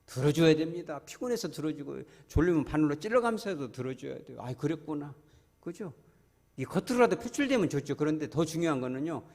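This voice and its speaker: A man's voice: fairly high pitch, fast, gravelly, in a large hall. A male pastor preaching a Sunday sermon, questioning his congregation and acting out voices. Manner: animated, asks the congregation questions. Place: church sanctuary.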